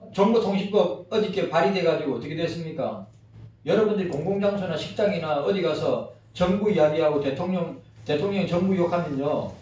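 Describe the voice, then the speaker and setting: High-voiced male pastor in an echoey church. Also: darkish tone. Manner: conversational, asks the congregation questions. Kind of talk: sermon with read-aloud passage. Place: church sanctuary. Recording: echoey, distant, dull sound.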